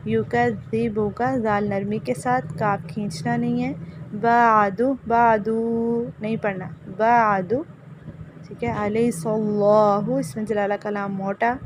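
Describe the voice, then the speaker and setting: A woman's voice: a little high, level tone, unhurried, noisy background. A woman teaching Quran recitation rules in a tajweed lesson, patiently correcting pronunciation and repeating words to show how they should sound.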